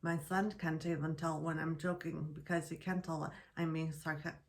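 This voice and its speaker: A woman with a low, gravelly voice reads her prepared remarks slowly. Her speech halts and restarts words, and her tone stays flat and even throughout. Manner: slow halting speech with restarts. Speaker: guest sharing stroke recovery.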